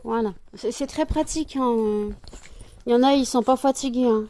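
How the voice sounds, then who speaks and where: Speaking at a normal pace, this woman has a slightly high, mellow voice and sounds tired. Her casual vlog chat is rambling and full of hesitations, and she fondly scolds her pets.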